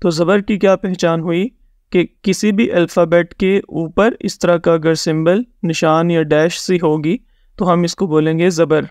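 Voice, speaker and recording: Male teacher for a beginner reading lesson. High, smooth voice, dry close sound. Patient, repeats rules, sounds out examples slowly. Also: level tone, a little mellow, no echo. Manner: patient, repeats each point and checks in often; mixes English words into his teaching. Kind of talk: step-by-step recorded lesson.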